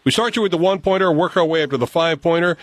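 An American man hosting a radio show, telling stories and running a game in an animated, conversational way. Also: on the high side, racing, no echo. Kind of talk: broadcast talk, storytelling and game hosting. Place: radio studio. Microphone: close studio mic.

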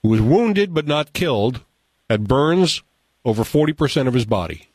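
An American man hosting a radio show, telling stories and running a game in an animated, conversational way. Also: mid-range voice, normal speed, no room sound. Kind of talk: broadcast talk, storytelling and game hosting. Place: radio studio. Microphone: close studio mic.

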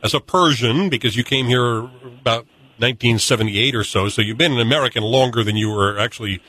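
A male radio talk show host interviewing a guest and asking long, measured set-up questions. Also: medium pitch, sharp tone, poor audio.

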